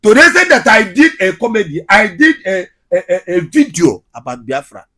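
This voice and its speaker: Male interview guest, Igbo accent from Nigeria, high-pitched husky voice, emphatic storyteller. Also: wildly swooping pitch, a little fast, pushed and bright. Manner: emphatic, repeats phrases for effect. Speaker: guest, comedian and skit maker.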